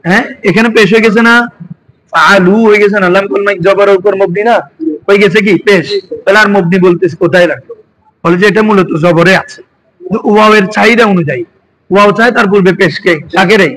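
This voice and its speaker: With a Bangladeshi Bengali accent, a man leads a classroom lesson and keeps testing his students with questions during his explanations. The poor-quality audio captures a high, slightly bright voice that stays steady in tone and moves fast.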